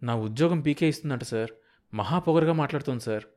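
A man's voice: medium pitch, quick pace, darkish tone, natural voice. A deferential junior police officer, nervous and eager to please, complaining to his superior. He sounds like an ordinary man talking up to his boss, as a male narrator puts him on. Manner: complaining, says "sir" often.

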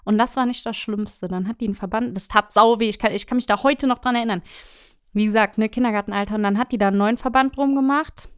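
A young woman in casual chat, telling anecdotes in a lively, colloquial way with frequent tag questions. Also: fairly high pitch, fast talker, clean tone. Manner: chatty, animated, colloquial, many tag questions.

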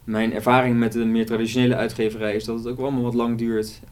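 A man's voice: mid-range voice, level tone, fast talker, a little mellow. A man, an author, talking through his novel in a casual interview, hesitant and full of fillers. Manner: hesitant, many fillers and restarts.

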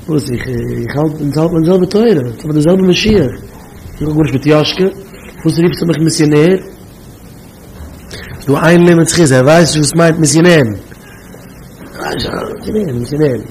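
A man's voice: fairly high pitch, a little mellow, slight background noise, poor audio. Emphatic man. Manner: emphatic and repetitive, slow drawn-out stresses.

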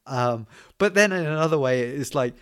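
Speaking at normal speed, the same kind of guest sounds smooth and expressive with a medium-pitched voice. He chats casually on a podcast in a light mixed Scottish and southern English accent, frequently stalling and beginning his sentences again with fillers.

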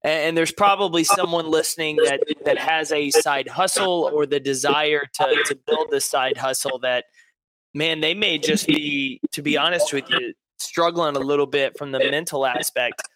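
Male podcast host, earnest interviewer, higher-pitched voice. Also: fairly even intonation, moderate pace, fairly bright tone, no echo, poor audio. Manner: earnest, repeats words as he works out a question. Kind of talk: interview questions.

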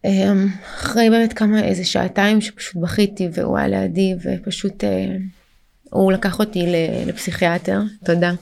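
A young woman speaking as an interview guest, telling a painful personal story in halting speech full of fillers and restarts. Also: mid-range voice, level tone, vocal fry, darkish tone. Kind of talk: emotional personal testimony.

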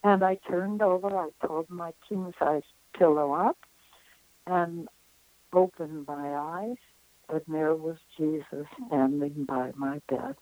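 Slow, mellow-voiced woman in her nineties. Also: low-pitched, fairly even intonation, no echo, rough recording. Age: 90s. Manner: earnest, reflective, with frequent pauses. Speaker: spiritual counselor, guest. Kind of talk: interview, recounting a spiritual experience.

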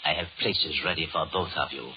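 Here the Devil of a 1930s radio horror drama speaks in a rumbling low voice at a fairly quick pace. Courtly, formal and theatrical, he mocks and commands in a tone that is both coaxing and menacing, heard through a muffled, noisy period recording.

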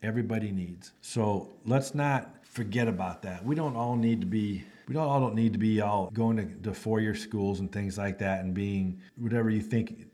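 A man's voice: on the low side, moderate pace, few pauses, mellow. A man hosting a podcast, talking in a folksy, emphatic monologue full of repeated phrases. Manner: acts out phone calls in quotes. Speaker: podcast host. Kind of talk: casual monologue.

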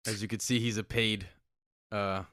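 A man's voice: on the low side, flat delivery, moderate pace, fairly bright tone, no echo. Dry-sounding man, teasing podcast co-host. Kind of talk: casual banter.

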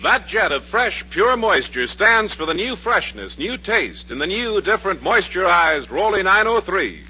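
A man's voice: high voice, big pitch swings, moderate pace, bright, forceful tone, breathy edge. An American man in the formal, declamatory manner of an old radio announcer, reading a scripted broadcast. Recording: muffled 1940s radio recording, music behind.

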